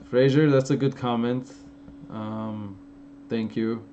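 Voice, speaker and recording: Slow and steady, a young male voice in the middle range works through live chat questions in a casual stream Q&A. He's from Los Angeles, has an Armenian-influenced American accent, and rambles with plenty of fillers and restarts. The recording is lo-fi stream audio, a bit dull, with faint noise.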